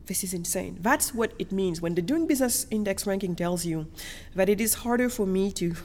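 This interview guest, a Senegalese woman who later made her home in Germany and France, speaks fairly quickly and expressively in a medium-pitched, darkish voice. She tells personal stories with emphasis, repeating words for stress.

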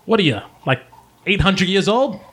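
A man voicing a haggard, scrappy female gnome rogue who mocks and yells in a tabletop game. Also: expressive, moderate pace, breathy edge. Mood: mocking. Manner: brash, mocking, shrill when yelling.

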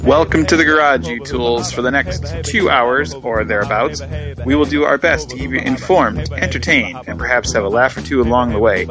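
A man's voice: mid-range voice, normal speed, over music. A man co-hosting a podcast in a casual, conversational style. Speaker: podcast co-host.

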